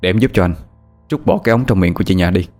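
A man voicing a young male ambulance driver who murmurs quiet apologies. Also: sits low, fast, faint music behind, natural voice. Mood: gentle.

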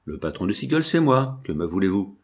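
A stout old sea captain, boastful and contemptuous, barks his orders in a low, gruff voice, as a male narrator puts him on. He blusters through every line of this storybook reading with a seasoned sailor's scorn. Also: big pitch swings, a little fast.

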